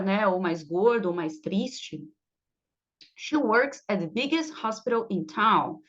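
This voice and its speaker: A woman teaching English grammar, explaining rules patiently and reading example sentences slowly, with many fillers. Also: mid-range voice, fairly bright tone, highs cut off.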